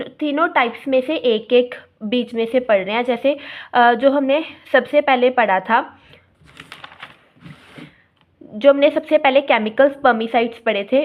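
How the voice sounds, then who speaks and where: A woman teaching nursing pharmacology, reading points slowly and explaining them quickly with questions to her students. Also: on the high side. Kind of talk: classroom lecture mixing Hindi and English. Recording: slightly muffled lo-fi sound.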